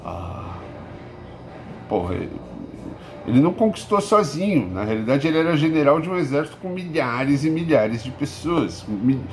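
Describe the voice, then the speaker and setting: A man's voice: mid-range voice, a little hiss or hum. A man from Brazil teaching a history lesson in a casual, rambling way, with many fillers and restarts and emphatic peaks. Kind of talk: informal recorded lesson.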